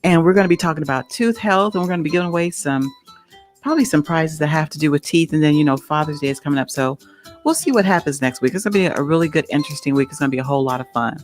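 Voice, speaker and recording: A young adult woman hosting a live-stream talk show, excitable and gushing, laughing often. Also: low-pitched, rapid-fire, soft background music.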